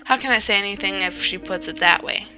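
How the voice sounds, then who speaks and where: A woman's voice: medium pitch, a little fast, sharp tone, highs cut off, soft background music. A woman voicing a grudging teenage boy narrator. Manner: grudging and self-conscious. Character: reluctant, self-conscious teenage boy narrator. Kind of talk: first-person story narration.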